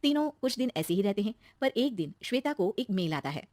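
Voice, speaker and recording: A woman narrating a scripted cartoon story for kids with brisk, clear storytelling. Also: mid-range voice, sing-song, darkish tone, no room sound.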